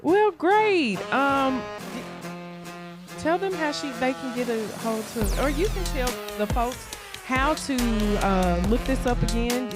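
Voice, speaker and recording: A woman talk-show host with a high, lively voice that rises and falls, taking her time and laughing easily. She affirms her guest warmly, with music playing behind her. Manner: warm, affirming, quick to laugh.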